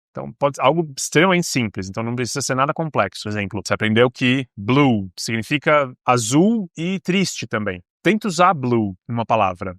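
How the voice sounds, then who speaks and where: A man's voice: medium pitch, fairly bright tone, no room sound, studio quality. A man from Brazil, an English teacher, giving a casual video lesson for beginners and explaining step by step with lots of chatty asides.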